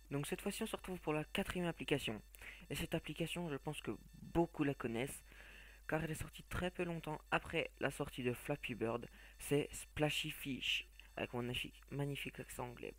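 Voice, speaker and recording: A man's voice: medium pitch, vocal fry. A man reviewing phone game apps in a casual, hesitant voice-over, with blunt opinions, frequent fillers and restarts. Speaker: app reviewer.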